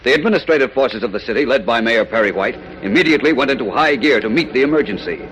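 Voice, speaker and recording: In an old radio recording with music behind him, a man plays the grand, urgent announcer and narrator of a 1940s superhero serial, delivering lines emphatically and dramatically. His mid-range voice, close to an everyday one, has lively intonation and a quick pace, though the audio is poor.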